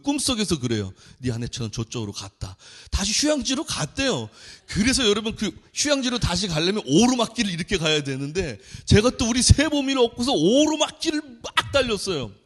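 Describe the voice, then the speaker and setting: A male preacher delivering an impassioned sermon, his voice sitting high and leaping up and down. He drops soft, then builds to loud as he tells a vivid story to his church. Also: sing-song, brisk, hardly any pauses. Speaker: junior pastor.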